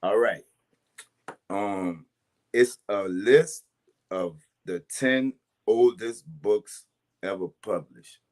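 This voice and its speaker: A man's voice: lowish voice, extremely slow, pauses often, a little mellow. A man with a New Orleans accent hosting a podcast, joking and laughing often in casual chat. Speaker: podcast host.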